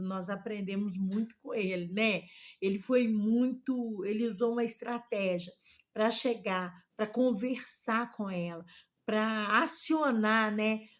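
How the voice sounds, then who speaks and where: A woman missionary preaching a sermon in a fairly high voice. She takes her time, retelling scripture dialogue in everyday words and pausing to praise God. Her tone is fervent and openly amazed. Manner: retells scripture dialogue in plain speech, often adding "né?" and "louvado seja Deus". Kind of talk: sermon retelling a Bible story.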